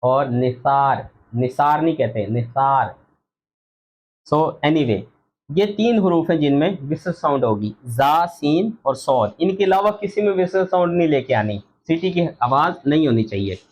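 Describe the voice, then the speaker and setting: A man teaching an online Quran recitation lesson, slowly drilling letter sounds and repeating them for practice. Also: fairly high pitch, expressive. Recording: dull lo-fi audio.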